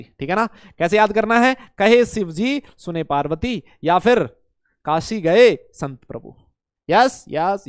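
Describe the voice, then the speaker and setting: Man, chemistry teacher, high voice, dry close sound, quizzes the class, playful mnemonics. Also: dry recording. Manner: asks students questions and answers them himself; voices imagined student questions. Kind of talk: lively classroom lecture.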